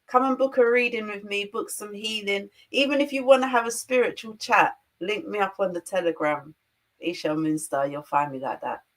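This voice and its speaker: A woman's voice: mid-range voice, moderate pace. A woman with a British accent, a spiritual reader appearing as a guest, talking in a chatty, self-promoting way. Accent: British English. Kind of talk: casual chat.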